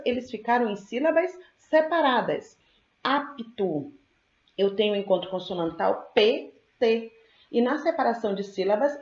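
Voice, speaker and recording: A female teacher giving a recorded grammar lesson, patiently explaining, checking in with the class and repeating example words slowly. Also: medium pitch, a little mellow. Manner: slows to spell out sounds and repeat example words. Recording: echoey, dull lo-fi sound.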